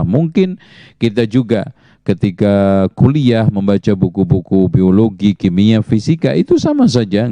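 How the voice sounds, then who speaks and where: A man answering religious questions as a teacher, in a measured, explanatory way that cites Arabic sayings. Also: lowish voice, mellow, no echo. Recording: muffled lo-fi audio.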